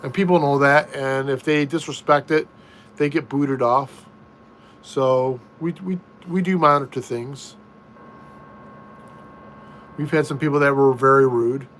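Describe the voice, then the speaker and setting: A man's voice: medium pitch, fairly bright tone, a little hiss or hum. A middle-aged American man hosting a casual live stream from a room at home, reading viewer comments in an easygoing way and often restarting his sentences. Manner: easygoing, slow, repeats himself and restarts.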